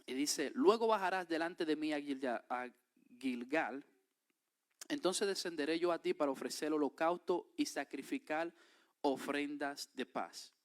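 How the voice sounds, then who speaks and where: A man from the Dominican Republic, speaking with a Dominican Spanish accent, preaches a sermon. He reads scripture aloud and then explains it with emphatic rises. His voice is on the high side and his pace measured.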